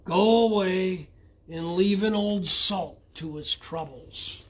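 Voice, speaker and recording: A man voicing a gruff old male sea captain in a storybook, with hearty nautical bluster. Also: high voice, takes it slowly. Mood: grumbling.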